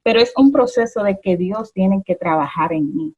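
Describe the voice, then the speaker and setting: Woman hosting, chatty and animated, slightly muffled lo-fi sound. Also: mid-range voice, normal speed, slightly rough. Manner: animated storytelling, acting out her own past words. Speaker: host.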